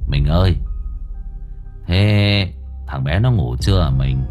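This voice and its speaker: A frightened village husband, voiced by a male narrator, stammers out his words in a voice close to the narrator's own, a touch lower. Soft music plays under the telling. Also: slow pace. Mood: gentle.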